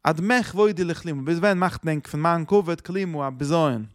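A man's voice: fairly high pitch, normal speed, no echo. Man teaching Psalms, dry close sound. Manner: mixes Hebrew, Yiddish and English terms into loose, searching speech. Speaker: Torah teacher. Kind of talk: explaining Psalms in a lesson.

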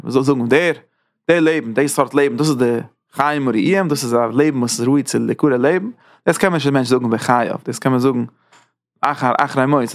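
A man's voice: medium pitch, creaky, no echo, clean studio sound. A man giving a spoken Torah lecture who often restarts and repeats phrases as he explains. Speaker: Torah teacher.

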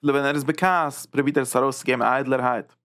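A man teaches a religious text in an informal lecture at a quick pace, animated, repeating phrases and leaping up in pitch for emphasis.

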